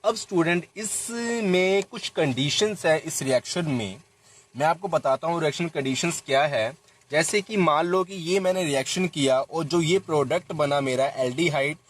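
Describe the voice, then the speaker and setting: A man's voice: a little high, expressive, normal speed. A young man teaching a chemistry lesson, talking straight to his students and stopping to correct himself as he writes formulas. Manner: addresses students directly, repeats and self-corrects while writing. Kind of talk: chalk-talk lesson explaining a reaction.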